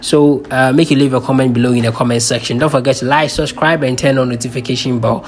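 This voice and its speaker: Man, Ghanaian accent, channel host, casual commentary, Pidgin-laced chat, medium pitch. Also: steady tone, fast talker. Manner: chatty, mixes Pidgin into English.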